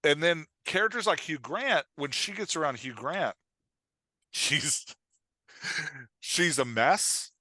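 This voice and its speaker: This man's voice sits fairly high and sounds sharp and expressive as he takes his time, with no room sound. He appears as a guest author and dialogue coach on a podcast, explaining informally and emphatically through quoted examples.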